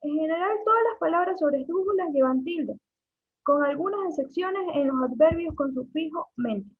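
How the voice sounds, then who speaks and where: A woman's voice: high-pitched, lively intonation, normal speed. A young woman, a student, reading a class presentation and listing examples. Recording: tinny phone-like recording.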